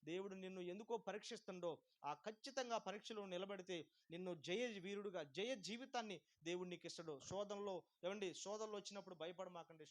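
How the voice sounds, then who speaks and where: Fast high-voiced preaching pastor. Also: male voice. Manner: preaching with rising shouted repetitions and calls for praise. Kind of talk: sermon.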